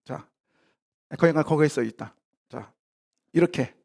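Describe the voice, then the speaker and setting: A man's voice: a little high, measured pace, vocal fry. A man preaching a sermon in a church, talking casually with the congregation and firing questions at them while he acts out a scene. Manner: animated, questions the congregation directly; casual, half-informal banter with congregants. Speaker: pastor. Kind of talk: conversational sermon with live demonstration. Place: church sanctuary.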